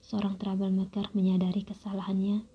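A young woman telling a first-person story in a soft, calm, measured, near-whispered voice. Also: mid-range voice, a little hiss or hum. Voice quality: breathy, husky. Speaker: narrator. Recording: dull lo-fi recording.

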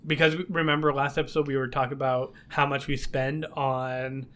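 A man's voice: medium pitch, little pitch movement, a little fast, sharp tone. A man co-hosting a podcast in casual chat, rambling with many fillers and a slight toothless lisp. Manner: rambling, filler-heavy, upbeat. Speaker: podcast co-host.

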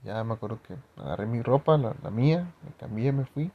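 A man's voice: mid-range voice, animated, brisk, vocal fry, slightly rough, muffled recording. A young man with a Mexican accent telling a personal anecdote in a casual, rambling way, full of slang and swearing. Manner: slangy, profane, rambling storytelling. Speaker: storyteller.

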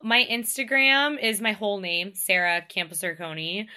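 Canadian woman in her late twenties, podcast guest, bubbly and quick, crisp bright tone. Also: mid-range voice, lively intonation. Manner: bubbly, quick, laughs often, says like a lot. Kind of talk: casual interview chat.

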